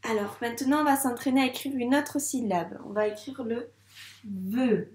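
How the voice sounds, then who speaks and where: A woman teacher guides young children through a handwriting lesson in a patient, encouraging way, talking straight to the child. Her voice sits fairly high. The recording sounds roomy and echoey, with her standing a little away from the microphone. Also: far from the mic. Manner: slow, patient, encouraging, addresses the child directly. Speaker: first-grade teacher.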